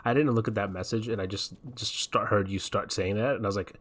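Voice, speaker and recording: A man's voice: on the low side, steady tone, fast, a bit bright. A man chatting and teasing his friends on a game stream, laughing often. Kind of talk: casual game-stream chat.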